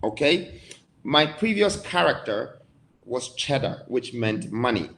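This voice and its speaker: A man from Ghana, a guest in a live online interview, speaking in grand, declamatory phrases with dramatic pauses. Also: mid-range voice, very animated, vocal fry, a bit bright, a little hiss or hum, rough recording.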